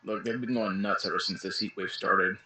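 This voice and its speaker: Low, very bright-toned man chatting. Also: steady tone, a little fast, rough recording. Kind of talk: casual chat.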